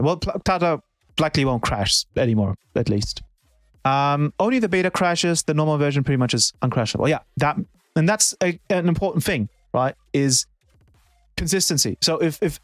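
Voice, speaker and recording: A man's voice: medium pitch, no room sound. A man who produces music, chatting casually on a live stream and thinking aloud with many restarts.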